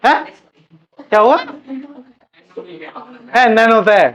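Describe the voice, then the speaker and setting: A man's voice: high-pitched, expressive, slow, fairly bright tone. A man teaching a chemistry class, asking questions and repeating the answers for students to drill. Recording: muffled lo-fi classroom recording.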